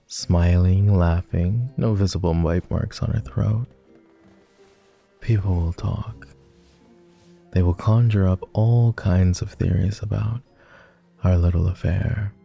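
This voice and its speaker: Deep, heavy and very dark yet mellow, this man's voice carries gravelly fry as he plays a vampire lord who is a clingy lover in an intimate ASMR roleplay. The performance is heavily acted and brooding, delivered slowly in formal, old-fashioned wording that is hesitant, tender and melancholy.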